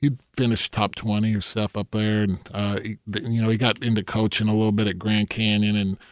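A man's voice: lowish voice, little pitch movement, brisk, no echo, clean studio sound. A middle-aged man telling golf stories in casual chat, rambling with many restarts, laughing often and acting out what others said.

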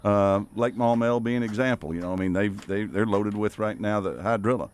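A man's voice: on the low side, fairly quick. A man co-hosting a casual outdoor radio talk show in a folksy, joking manner.

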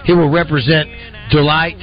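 A man's voice: a little high, level tone, moderate pace. A man co-hosting casual radio banter in a folksy, repetitive way, on dull radio audio with music. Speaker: radio show co-host.

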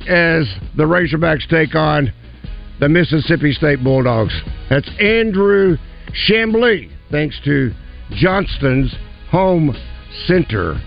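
A man's voice: fairly high pitch, gravelly. A man hosting a sports radio show, chatting in a casual, folksy interview style. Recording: dull lo-fi radio broadcast.

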